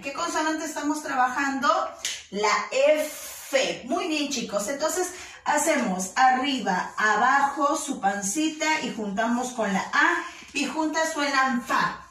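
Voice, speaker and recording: Slow, patient woman teacher in echoey room. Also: high-pitched, a bit bright, slight background noise. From Peru. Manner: slow, patient, step-by-step instructions to children. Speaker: kindergarten teacher. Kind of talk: children's writing lesson. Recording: very echoey room, voice far from mic.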